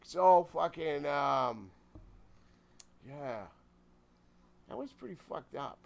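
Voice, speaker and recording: Animated, swearing middle-aged man. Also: a little high, drawn-out words, creaky, a little hiss or hum. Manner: animated, swears constantly, shouts out quoted lines. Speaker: podcast guest. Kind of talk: casual storytelling.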